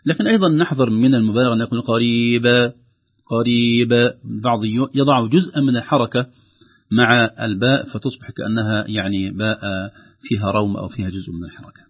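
A man teaching Quran recitation rules, slowing down to demonstrate how each sound is pronounced. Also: fairly low pitch, breathy edge, highs cut off. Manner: slows and stretches sounds to demonstrate pronunciation. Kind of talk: tajweed lesson with recited examples.

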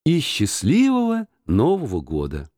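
A man's voice: mid-range voice, wildly swooping pitch, measured pace, darkish tone, no echo. A man voicing a cheerful, earnest young man who pleads eagerly with his uncle, in a dry audiobook reading.

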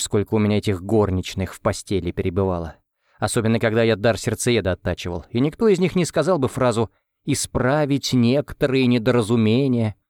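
A man's voice: on the low side, darkish tone, no room sound, clean studio sound, natural voice. A man voicing a brash, boastful young nobleman who mocks and schemes, in an audiobook. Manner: cocky, boastful, mocking. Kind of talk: audiobook character voice.

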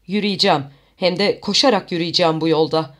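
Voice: medium pitch, fairly even intonation, fast talker, a bit bright, natural voice. An audiobook narrator reading the lines of a desperate, defiant young fisherman in urgent, bitter outbursts. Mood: grim. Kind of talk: audiobook character voice.

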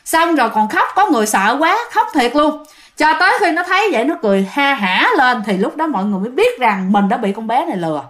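A woman's voice: high voice, very animated, fast talker, fairly bright tone. A woman, casually telling ghost stories and talking directly to her listeners. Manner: chatty, addresses listeners directly. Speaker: storyteller. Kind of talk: casual ghost-story narration.

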